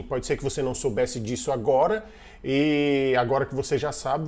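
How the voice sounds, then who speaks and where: A man's voice: mid-range voice, a little mellow. Conversational male coach. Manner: conversational, repeats and restarts, asks the listener questions. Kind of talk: casual online lesson on team communication.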